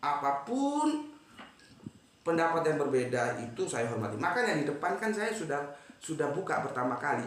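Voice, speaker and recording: A man's voice: high voice, a bit bright. A blunt man in his fifties from Sumatra speaks to a discussion group, emphatic and outspoken. His voice rings through a very echoey room. There is a faint hiss behind it. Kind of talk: impassioned speech to a study group.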